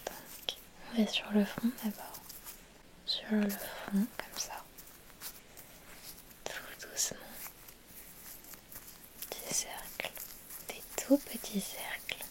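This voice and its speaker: A woman in a whispered role-play, speaking in a soft, breathy whisper, quiet at night, gently soothing and reassuring the listener step by step. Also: medium pitch, fairly even intonation, very slow, long pauses, low-quality recording. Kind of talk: whispered role-play, ASMR bedtime pampering.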